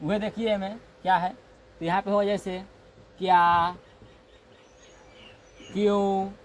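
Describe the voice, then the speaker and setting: High-voiced grammar teacher, lilt. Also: male voice, little pitch movement, slow pace, slight background noise. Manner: repetitive, checks in with "है ना"; acts out comic example dialogue. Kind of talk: classroom lecture. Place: classroom.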